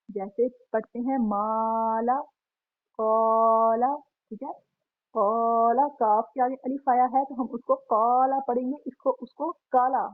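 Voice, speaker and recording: A woman teaching a Quran recitation lesson, patiently repeating each point and drawing out sample syllables slowly. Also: on the high side, no room sound. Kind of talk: online tajweed lesson. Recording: tinny phone-like sound, dry.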